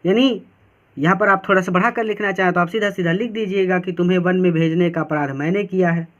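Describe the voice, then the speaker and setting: A man's voice: high voice, dull audio. A male Hindi teacher explaining a poem line by line for exam students, repeating and paraphrasing each phrase and checking in often.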